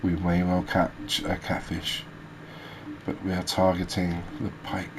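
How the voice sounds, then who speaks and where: A gaming video creator with a deep, soft voice gives relaxed, unhurried ASMR commentary on a video game, speaking close to the mic. Background noise and ambience are clearly audible.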